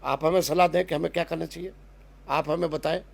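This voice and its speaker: Gravelly, husky man speaking emphatically. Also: a little high, fairly even intonation, fairly quick. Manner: emphatic, repeats and restarts words, lists places. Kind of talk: impassioned spoken argument.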